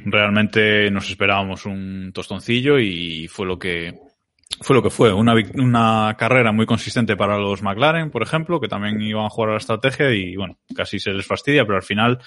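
A man with a lowish voice and a Spain Spanish accent hosts casual motorsport commentary. His delivery is informal and halting, and the sound is dry. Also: fairly bright tone, no echo. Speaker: podcast host.

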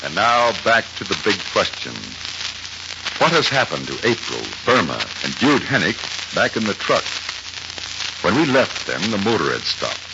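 A man's voice: on the low side, sing-song, normal speed. An American man announcing in 1940s old radio style, talking like a chummy salesman addressing children. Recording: noisy, muffled 1940s radio recording.

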